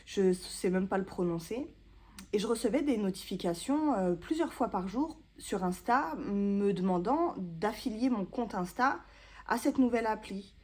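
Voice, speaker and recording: A woman's voice: mid-range voice, expressive, unhurried, a little mellow, slightly rough. A woman in her thirties chatting casually to camera in a book vlog, self-mocking and full of small hesitations. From France. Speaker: booktuber.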